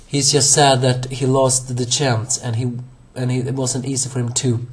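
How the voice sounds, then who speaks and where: A young man with a hoarse voice reviews an anime episode by himself, rambling with plenty of fillers, restarts, and self-corrections. His pitch is medium with little movement, and he talks at a normal speed.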